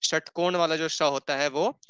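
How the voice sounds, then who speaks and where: A man teaches an online class on a close microphone with a dry, dead sound. His voice is bright, smooth and clear, pitched a little high. He explains patiently and repeats each rule slowly, checking in often. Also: steady tone, no room sound. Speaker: Sanskrit teacher.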